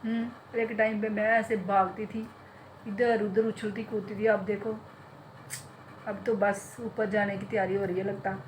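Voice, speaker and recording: Holding her phone, a middle-aged vlogger chats at home in the kitchen and bedroom, rambling about her day and speaking to her pet. Her medium-pitched voice keeps a level tone and a measured pace. Slight background noise is audible.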